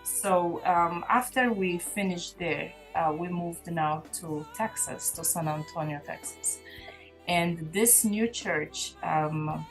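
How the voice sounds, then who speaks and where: Soft music plays beneath this low-quality recording of a female gospel singer, whose first language is Maltese, chatting casually as an interview guest. She speaks slowly in a lowish voice, earnest and reflective, frequently starting her sentences over.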